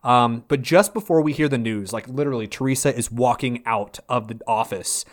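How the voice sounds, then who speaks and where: A man's voice: mid-range voice, fairly quick. Jokey male podcast co-host. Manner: playful, jokey scripted intros. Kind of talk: casual podcast recap.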